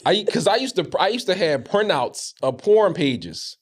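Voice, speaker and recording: A man's voice: sits high, very animated, moderate pace. Candid, profane man on a podcast. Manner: candid, profane storytelling with stammered restarts. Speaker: co-host. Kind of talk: casual podcast chat.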